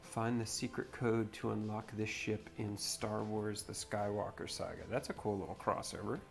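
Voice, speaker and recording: Stream host, male, from North Carolina, low voice, easygoing rambling chat, faint music underneath. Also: level tone, moderate pace, gravelly. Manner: laid-back and rambling. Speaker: livestream host. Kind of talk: casual chat while building.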